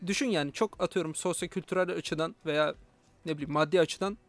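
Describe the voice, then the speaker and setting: A man's voice: a little high, steady tone, fast talker, dry recording. A man chatting casually as a radio guest, joking at his own expense. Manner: self-deprecating, jokey. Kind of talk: casual chat. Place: radio broadcast.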